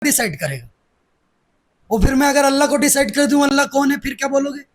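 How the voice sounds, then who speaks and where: A man's voice: very high voice, very animated, a little fast. A man, speaking aggressively and defiantly as the guest in a heated political interview. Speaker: interviewee, activist.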